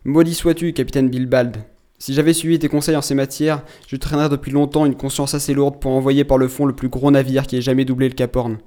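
A man's voice: medium pitch, little pitch movement, moderate pace, lightly acted. Man voicing a blustering old sea captain. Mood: raging. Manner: blustering and loud when angered. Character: gruff old male sea captain, hot-tempered.

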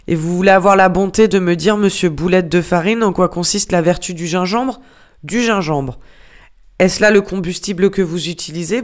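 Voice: mid-range voice, lightly acted. A reader doing a sarcastic, irate ship's mate. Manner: mocking, hammering rhetorical questions. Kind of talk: audiobook character reading.

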